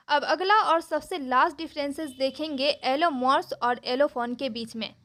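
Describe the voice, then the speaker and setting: A woman's voice: high-pitched, fairly bright tone. A woman teaching a lesson, explaining step by step and repeating her points, with a few hesitations.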